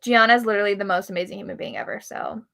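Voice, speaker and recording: Co-hosting a live book readalong show, a woman chats excitedly with a friend about authors and events, laughing easily in casual fan talk. Her mid-range voice is creaky and sharp-toned, and she speaks very fast.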